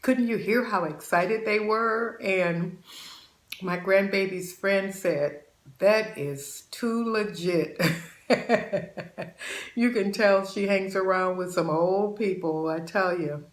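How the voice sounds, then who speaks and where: Slow-talking folksy woman in her sixties. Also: mid-range voice, steady tone, reverberant. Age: 60s. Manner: folksy, motherly, calls viewers babies. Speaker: channel host. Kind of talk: casual chat while eating.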